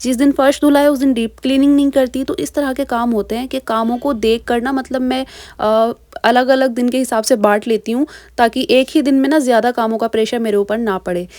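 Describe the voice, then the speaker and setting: A woman's voice: a little high, fairly even intonation, darkish tone, no room sound. Chatty young woman vlogging, dry close mic. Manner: chatty, fast, asks viewers directly. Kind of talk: casual vlog voice-over.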